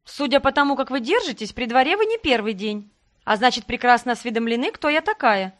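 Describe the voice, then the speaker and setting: A woman's voice: a little high, animated, brisk, fairly bright tone. Woman voicing a cold, venomous young noblewoman. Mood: icy. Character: young noblewoman heroine, cold and sharp-tongued.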